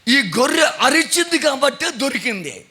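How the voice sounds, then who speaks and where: With an extremely high, sing-song voice that is bright and forceful, this middle-aged man preaches at normal speed. He serves as a pastor and Bible college principal, and he questions his congregation in a conversational style.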